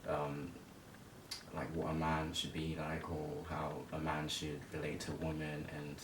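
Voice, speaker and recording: An interview guest, a Zimbabwean man in his early twenties, casually tells a personal story in a low, fairly monotone voice. He's hesitant and halting, pausing to search for words. The recording sounds echoey and distant, with rumbling noise in the background.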